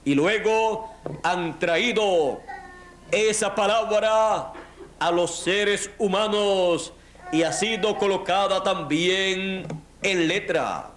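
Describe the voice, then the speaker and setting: A man preaching a sermon in slow, emphatic, measured phrases, with a Latin American Spanish accent. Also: high voice, fairly bright tone, reverberant, a little hiss or hum.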